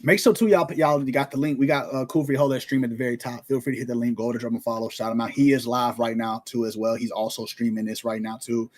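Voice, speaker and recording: A man's voice: medium pitch, flat delivery, fast talker, few pauses, a little mellow. A man hosting a casual podcast interview, who talks in a joking, playful way and swears often. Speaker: podcast host.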